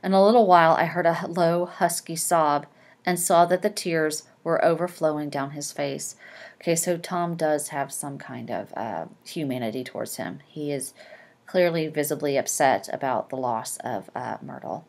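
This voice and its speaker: A young woman reads a novel aloud in a slightly low voice, pausing often for casual, chatty commentary. Her asides are loose and conversational, sprinkled with fillers and "like". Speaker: reader explaining a novel.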